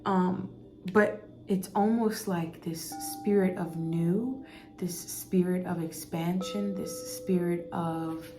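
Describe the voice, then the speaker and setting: A woman's voice: lowish voice, steady tone, takes it slowly, over music. A woman giving a casual spiritual card reading, meandering and repeating words as she goes. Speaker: intuitive card reader.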